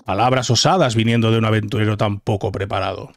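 A man's voice: lowish voice, steady tone, fast talker, natural voice. A man with a Castilian Spanish accent voicing a taunting, gloating demon villain from a video game. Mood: gloating menace.

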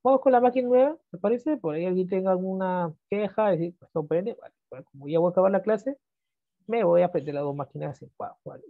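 A man's voice: high voice, quick pace, dry recording. A male computer maintenance teacher giving a chatty screen-share class, often checking that his students follow along. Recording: phone-like narrow band.

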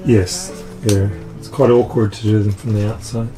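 A man's voice: on the low side, flat delivery, normal speed, music in the background. A man in his fifties on a sailboat deck, explaining step by step how he does a repair while working with his hands, recorded on the camera mic. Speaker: sailor showing a boat repair. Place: outdoor deck of a sailboat at anchor. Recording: outdoor wind and ambient noise.

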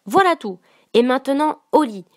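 A woman reading aloud voices a gentle, fussy prince who is a father. He sounds mild and a little puzzled, in a storybook manner. The voice is a touch high and the sound is close and dry. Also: lively intonation, normal speed, no echo.

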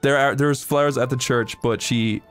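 A man's voice: mid-range voice, steady tone, normal speed, faint music behind. A man hosting a let's play with casual, teasing, sweary banter and mock insults.

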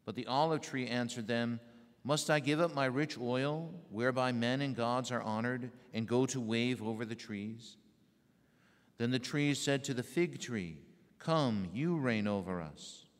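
A man leading a church service as priest, reciting prayers and readings in a measured, solemn way. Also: medium pitch. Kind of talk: liturgical recitation. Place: large church. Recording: echoey church hall.

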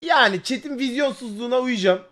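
A young man, chatting loudly and crudely with his live stream viewers, joking and swearing freely. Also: very high voice, brisk. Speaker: livestreamer.

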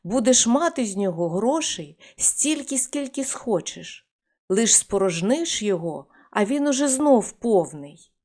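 A woman's voice: on the high side, very animated, a little slow, a little mellow, full character voice. A woman giving voice to the wise old wind spirit. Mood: knowing. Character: magical kindly old male wind spirit.

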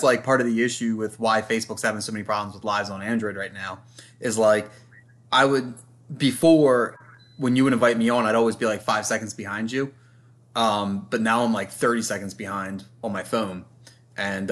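A man's voice: on the low side, steady tone, a little fast, fairly bright tone. A man co-hosting a live boxing talk show, speaking casually with rambling explanations. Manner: rambling, many fillers and restarts. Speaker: podcast co-host.

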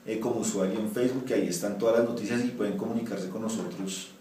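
This municipal ombudsman in his thirties talks fast in a fairly low, steady, dark voice, with slight noise behind him. His interview answers are riddled with restarts and fillers. He's recorded from far off in an echoey office with window blinds.

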